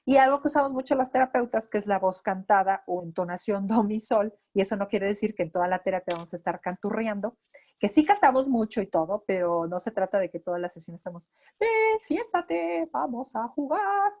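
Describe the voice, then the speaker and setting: Una mujer con acento mexicano, terapeuta auditivo-verbal, da una clase a residentes y explica con ejemplos prácticos. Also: female voice, mid-range voice, fast, a little mellow. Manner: explanatory, acts out examples of talking to children. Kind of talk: lecture.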